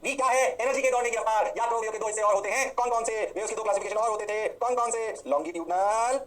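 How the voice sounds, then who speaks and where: Fast-talking high-voiced male physics teacher. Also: fairly bright tone. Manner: rapid, answers his own questions in a student's voice; drawn-out exclamations. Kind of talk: fast classroom lecture.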